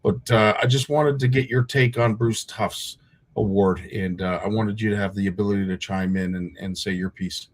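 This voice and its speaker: Low-voiced host steering the chat. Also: male voice, fairly even intonation, normal speed. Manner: brief affirmations, steering the talk. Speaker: show host. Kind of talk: casual chat on live show.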